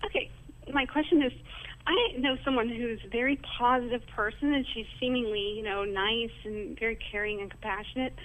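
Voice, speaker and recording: A woman caller on a phone-in show, telling her story with lively quoted dialogue. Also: fairly high pitch, a little fast. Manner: animated, acts out quoted dialogue. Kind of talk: phone-in question. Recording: phone line.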